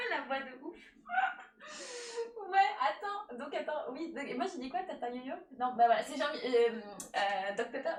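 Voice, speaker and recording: A woman cooks on a live stream, chatting freely in a high voice and laughing between lines. Her voice sits back from the mic, with room echo around it. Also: a bit bright, far from the mic. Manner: chatty, laughs often, thanks viewers, talks to her cat. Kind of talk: casual live-stream chat while cooking. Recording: echoey room, voice a bit off-mic.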